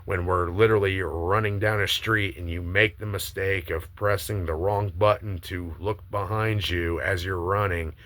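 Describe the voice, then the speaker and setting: Eager, very deep-voiced man pitching a movie. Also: steady tone, moderate pace, hardly any pauses, a bit bright. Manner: eager, emphatic pitching with casual swearing. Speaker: video host pitching a movie idea. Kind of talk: casual opinionated monologue.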